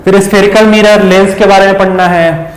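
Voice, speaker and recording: A man teaches in a loose, chatty style, constantly checking in with quick questions to his students. His voice sits high. The room rings with a long, echoey reverb. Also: level tone. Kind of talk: casual exam-prep lesson.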